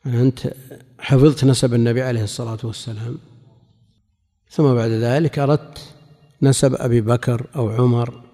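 Dark-voiced male teacher in a reverberant hall. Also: medium pitch. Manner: measured, explanatory, with pauses between phrases. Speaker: religious teacher. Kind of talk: lecture explaining a classical hadith commentary.

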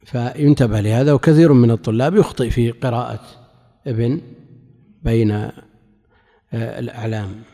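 Dark-voiced male teacher in a reverberant hall. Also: mid-range voice, steady tone. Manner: measured, explanatory, with pauses between phrases. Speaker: religious teacher. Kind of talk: lecture explaining a classical hadith commentary.

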